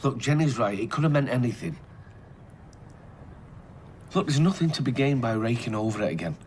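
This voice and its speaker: An actor playing a weary peacemaker in a TV soap, trying to calm things. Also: male voice, mid-range voice, normal speed, a little hiss or hum, close to an everyday voice. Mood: placating. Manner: placating. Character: calming, weary peacemaker man. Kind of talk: television soap drama.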